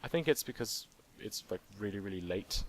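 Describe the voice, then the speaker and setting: Talking a little fast in a lowish, animated voice, this man jokes through his let's play and chats with the characters on screen. A little hiss or hum runs behind his playful, casual commentary.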